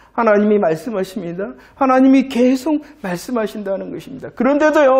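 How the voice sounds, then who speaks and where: Male pastor, higher-pitched voice, sermon delivery built on question-and-answer and repeated phrases. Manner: asks rhetorical questions and answers them himself; repeats key phrases for emphasis.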